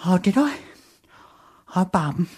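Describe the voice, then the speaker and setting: A woman's voice: fairly low pitch, sing-song, slow pace, darkish tone, breathy edge, exaggerated voice. A woman playing a sardonic, reluctant young character with a British accent in a radio comedy-drama, dry and nervy. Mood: nervy bravado.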